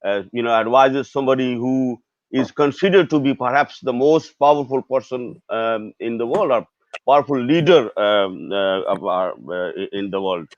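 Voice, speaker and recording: A man moderating a panel, introducing speakers and asking halting, hesitant questions. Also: mid-range voice, dry recording. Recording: dull, dry lo-fi audio.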